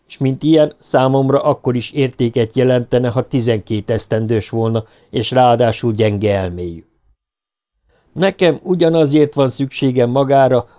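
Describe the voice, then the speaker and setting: A man's voice: mid-range voice, dark tone, natural voice. A man reading an audiobook, voicing a cool, calculating conspirator who lectures with slight irritation.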